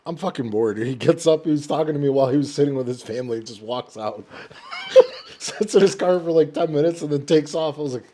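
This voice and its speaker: A man's voice: fairly high pitch, animated, fairly quick, dark tone, slight background noise. Easygoing podcast co-host man. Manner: short backchannels, laughing retellings. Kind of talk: casual chat.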